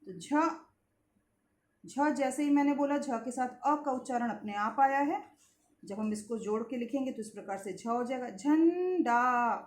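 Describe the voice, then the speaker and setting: A woman's voice: fairly high pitch, darkish tone, echoey room. A woman teaching a children's Hindi lesson, drawing out syllables and repeating key points with questions to the class. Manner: slow, drawn-out sounding of syllables and words.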